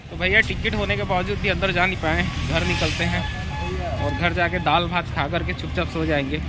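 A man's voice: high voice, level tone, brisk, loud music behind the voice. A young man making a casual outdoor vlog on his phone, chatting directly to his viewers by a busy road and a stadium crowd. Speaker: vlogger. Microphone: phone held at arm's length. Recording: loud outdoor traffic noise. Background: traffic and crowd outside.

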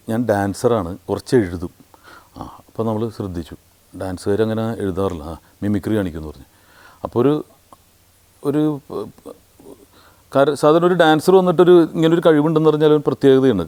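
Fast-talking Malayali comedian, thin squeezed voice. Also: male voice, mid-range voice. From Kerala, India. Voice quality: thin squeezed voice, which he says sounds like a duck grabbed by the neck. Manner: animated anecdotes with quick mimicry of other voices. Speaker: comedian telling stories of his career. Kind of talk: casual storytelling.

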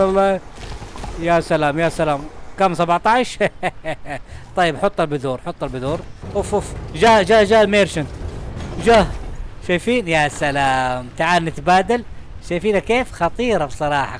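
Fast-talking man narrating a game. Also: fairly high pitch, a little hiss or hum. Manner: chatty and excitable, talking to the game and its items. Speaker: gaming channel host. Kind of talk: let's-play commentary.

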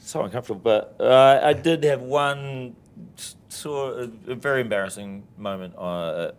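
A man being interviewed at a film press event, joking about himself in a deadpan, self-mocking way. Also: medium pitch, moderate pace, clean tone. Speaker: film director and actor, interview guest. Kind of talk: press junket chat.

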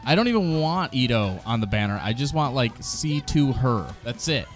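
A man in his thirties, a streamer and reaction host, gives enthusiastic, slangy, casual commentary in an expressive mid-range voice at a moderate pace. He's close on a boom-arm desk mic in a small home gaming room, with music in the background.

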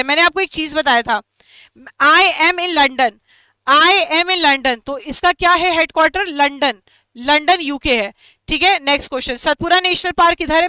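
A woman with a high, bright, forceful voice teaches an online exam-prep quiz lesson in a dry recording. She repeats each question, mixes English phrases into her talk, and reads the English questions slowly and carefully.

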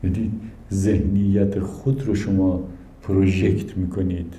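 A man's voice: sits low, flat delivery, mellow, reverberant, slight background noise. A man giving a spiritual talk as teacher and counselor, telling stories animatedly and acting out the people he quotes.

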